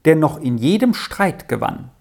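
A reader voicing an eager young boy who sets riddles, lively and exclaiming, pitched higher than the narration. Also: unhurried, creaky, exaggerated voice.

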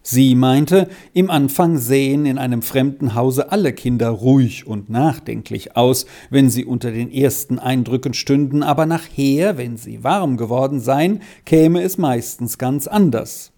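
A reader narrating a classic children's story in a measured, expressive way. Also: mid-range voice. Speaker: audiobook reader.

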